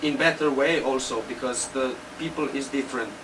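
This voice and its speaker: Heard from a distance over loud background noise, a young techno DJ and producer from Slovenia gives a casual interview in Slovenian-accented English. He picks simple words and pauses haltingly, speaking in a medium-pitched, steady voice.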